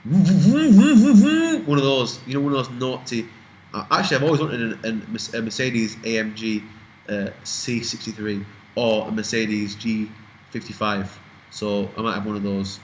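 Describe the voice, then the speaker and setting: Young UK man in his twenties, slightly low pitch, loose rambling vlog talk with cursing, light background hiss. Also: animated, a little slow, darkish tone, low-quality recording. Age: 20s. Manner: rambling, swears freely, trails off and restarts. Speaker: vlogger answering viewer questions. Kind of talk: casual Q&A chat.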